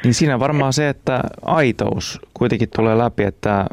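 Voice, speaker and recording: Smooth-voiced male radio host. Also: mid-range voice. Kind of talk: radio interview.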